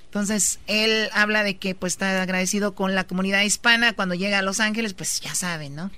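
A woman's voice: mid-range voice, fairly even intonation, brisk, pushed and bright, a little hiss or hum. A woman hosting a casual radio talk show, chatting with her co-hosts and introducing clips. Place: radio studio.

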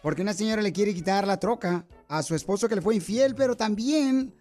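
A man's voice: high voice, brisk, darkish tone, faint music behind. A man hosting a radio show, teasing callers with playful nicknames. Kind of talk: lively radio banter.

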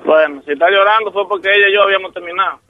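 A man's voice: sits high, very fast. A man on a phone call, defensive and blunt. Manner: defensive, then swearing in frustration. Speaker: prank call target.

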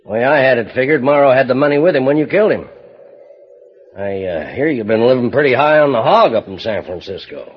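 An actor playing a tough, sly old rancher with a folksy drawl in a vintage radio western. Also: male voice, medium pitch, lively intonation, a little fast. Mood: sly, needling. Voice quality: husky. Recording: muffled old radio recording.

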